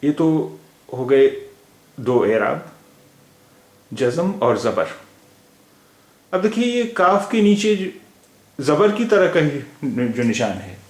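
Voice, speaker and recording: A man's voice: a little high, sing-song, slow, long pauses, darkish tone. A man teaching a language lesson in a patient way, repeating each sound several times. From India. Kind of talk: slow explanatory lesson. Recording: echoey room.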